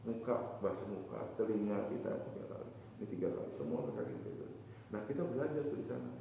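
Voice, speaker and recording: A man preaching at a boarding school, lively, asking his listeners questions and answering them himself. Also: fairly low pitch, quick pace, vocal fry, a little hiss or hum. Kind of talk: evening religious talk to students. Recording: distant, echoey hall, dull lo-fi sound.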